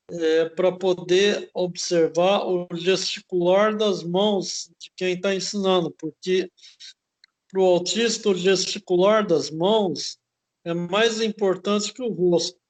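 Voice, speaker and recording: A man hosting an interview, explaining at length in a halting way and often tagging his phrases with a questioning "né?". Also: sits high. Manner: slow, halting, ends phrases with "né?". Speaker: host.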